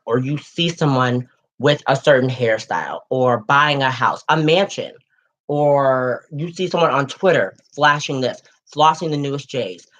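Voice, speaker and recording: Sassy and dramatic, this late-twenties co-host addresses listeners as "girl" and "honey" during a casual chat. His voice is mid-range with a fairly bright tone, and the recording sounds dull and lo-fi.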